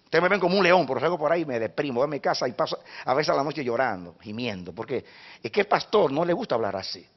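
A man preaching a sermon as pastor, impassioned, swinging between hushed passages and loud, rising preaching. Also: medium pitch, expressive, fast talker. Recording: dull lo-fi recording.

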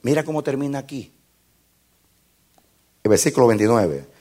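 A male preacher delivers a sermon with emphatic, lively energy. His voice sits at a middle pitch with a husky edge, and he slips playfully into short acted-out scenes. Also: moderate pace.

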